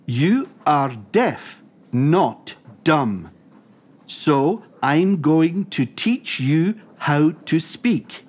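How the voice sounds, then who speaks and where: An actor voicing an earnest young male inventor in a dubbed cartoon, speaking in a measured way. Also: on the high side, big pitch swings, darkish tone, husky, full character voice.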